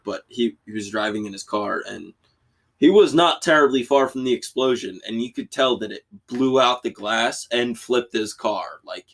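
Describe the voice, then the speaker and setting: A young man co-hosting a podcast in casual, profane, excitable banter. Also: lowish voice, vocal fry, husky. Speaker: podcast co-host. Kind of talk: casual chat.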